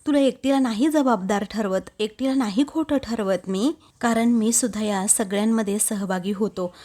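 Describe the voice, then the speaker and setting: A woman voicing a young husband who calmly owns up to a family scheme, in a serial recap. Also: medium pitch, normal speed, close to an everyday voice. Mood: remorseful. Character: remorseful young husband owning up.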